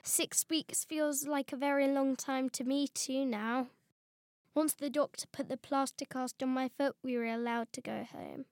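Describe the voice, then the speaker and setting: Lady reading a kids storybook out loud, high voice, dry close sound, lively first-person telling. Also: no echo. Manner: expressive first-person reading as a young boy. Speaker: storybook reader. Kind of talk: children's story read aloud.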